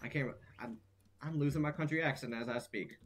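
A man's voice: medium pitch, brisk, slight background noise, lightly acted. A man putting on a folksy cowboy hustler with a country drawl. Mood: folksy, hustling. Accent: put-on Southern country drawl. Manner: rambling folksy salesman patter.

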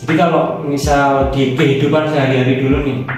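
A man's voice: medium pitch, little pitch movement, fairly quick. A young man hosting a casual book discussion, explaining at length with many fillers. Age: young adult. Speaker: discussion host. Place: small studio at a table. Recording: roomy echo from far off, music behind.

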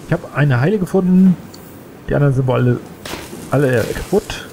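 A man who has a cold talks casually and thinks aloud while gaming, let's play style. His mid-range voice is gravelly and mellow and a little fast, and there's slight hiss or hum.

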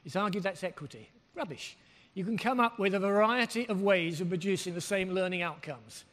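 Older guy giving a keynote, high voice, blunt and emphatic, hall echo. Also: brisk, a bit bright. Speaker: keynote speaker. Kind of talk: workshop keynote. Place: large hall with audience. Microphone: lapel mic. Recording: long hall reverb.

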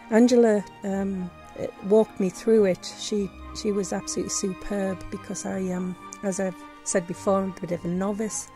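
Her voice sits at medium pitch with a dark tone, and it's fading because of a sore throat. In this casual tutorial voiced over a screen recording, the vlogger hesitates a lot, using many fillers and frequent restarts.

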